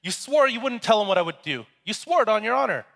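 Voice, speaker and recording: Stubborn scorpion in a spoken fable , a man's light take, lively delivery, hall echo. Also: a little high, fairly quick, voice pushed up. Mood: indignant. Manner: storytelling. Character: boastful male scorpion, stuck in his ways. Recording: echoey hall.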